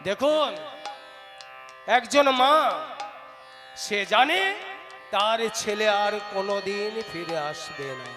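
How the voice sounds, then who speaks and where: A man's voice: high voice, takes it slowly, pauses often. A man preaching a devotional kirtan sermon, asking his listeners questions as he tells the story. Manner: animated, addresses listeners with questions. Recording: live sermon with music behind. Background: devotional music.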